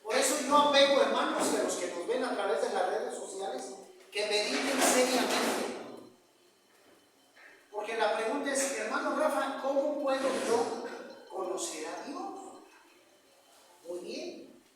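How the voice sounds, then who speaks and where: A man delivers a sermon in a church hall, throwing questions out to his congregation and checking that they follow him. He sounds distant from the microphone, with a long, roomy reverb. Steady background noise runs under his voice. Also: very high voice, measured pace, long pauses. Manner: call-and-response questions, checks understanding with "¿verdad?" and "¿me explico?". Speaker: preacher. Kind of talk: sermon to a congregation and online viewers.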